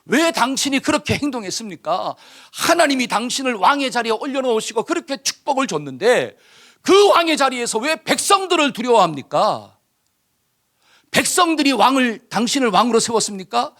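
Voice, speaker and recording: A man's voice: extremely high pitch, sing-song, a little fast, fairly bright tone, voice pushed up, heavily acted. A man voicing a stern prophet scolding a king. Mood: rebuking. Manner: indignant, reproachful questioning.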